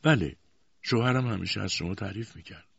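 Man doing a shy weepy young widow, soft and meek, a bit husky, dull dry recording. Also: on the low side, no room sound, pitched above the performer's own voice, heavily acted. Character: timid, tearful young widowed mother.

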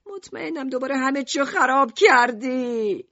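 A woman voicing a fed-up, scolding middle-aged mother in an audiobook, impatient and sharp-tongued. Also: high voice, lively intonation, highs cut off, exaggerated voice. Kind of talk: audiobook character voice.

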